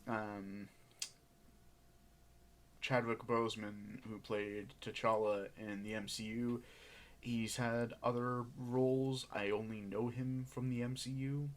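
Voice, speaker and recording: A young man co-hosting a casual podcast, rambling with many pauses and laughs as he tells stories. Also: medium pitch, little pitch movement. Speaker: podcast co-host.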